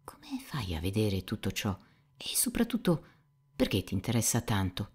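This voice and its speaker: A woman voicing a gentle, shaken young male novice who speaks in a hushed, hesitant half-whisper, in an audiobook. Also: extremely low pitch, huge pitch swings, unhurried, husky, heavily acted. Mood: agitated. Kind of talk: audiobook character reading.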